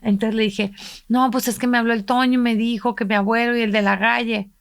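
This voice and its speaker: A woman's voice: a little high, fairly even intonation, fairly quick, creaky, clean tone. Reflective middle-aged woman. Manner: emotional, reflective, voices quoted people while retelling. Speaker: podcast co-host, mother. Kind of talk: intimate conversational storytelling.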